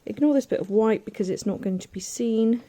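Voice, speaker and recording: A woman giving a casual hands-on sewing demonstration, chatty and thinking aloud as she pins fabric, with soft asides. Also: fairly high pitch, fairly quick. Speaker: quilting tutor.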